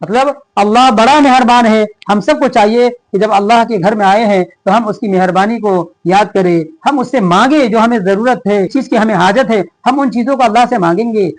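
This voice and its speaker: High-voiced man teaching a reading lesson. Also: low-quality recording. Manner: reads text slowly, then explains quickly. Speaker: religious teacher. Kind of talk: reading lesson aloud with explanations.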